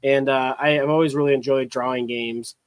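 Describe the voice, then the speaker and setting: A man's voice: mid-range voice, fairly even intonation, brisk, clean tone, no room sound. A man who designs games talks as a guest on a podcast in an easygoing way, explaining with many fillers. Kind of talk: casual chat.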